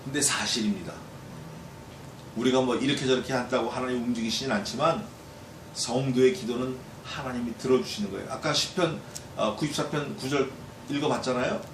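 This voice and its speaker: A male pastor giving a Bible exposition sermon in a lively way, acting out quoted voices and putting questions to the congregation. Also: mid-range voice, brisk. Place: church hall. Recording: echoey church hall, distant mic, faint noise.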